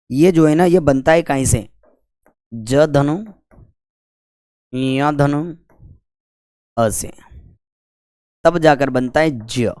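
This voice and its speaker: Dry-voiced Hindi grammar teacher quizzing himself. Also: male voice, a little high, no room sound. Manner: asks and answers his own questions, scolding and joking with students. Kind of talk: classroom lecture.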